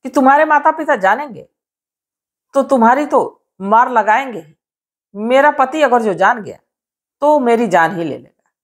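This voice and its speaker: A scheming married woman speaks in a hushed, coaxing tone, as a woman storyteller puts her on. The voice sits high and moves a lot in pitch, with a plain everyday spoken-story delivery. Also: lively intonation, measured pace, long pauses. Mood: anxious.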